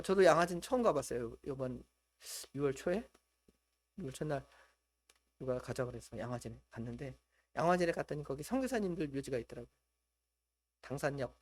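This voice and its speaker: Male pastor, high-pitched, animated church sermon with acted-out quotes. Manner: lively preaching that acts out quoted voices, with chuckles.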